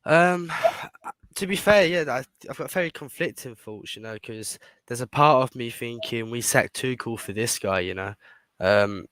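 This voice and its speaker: A British man with a bright, forward voice chats casually about football as a fan show guest. The sound is close and dry, with no room on it. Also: medium pitch, moderate pace, clean tone, no room sound, rough recording. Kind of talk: casual football opinion chat.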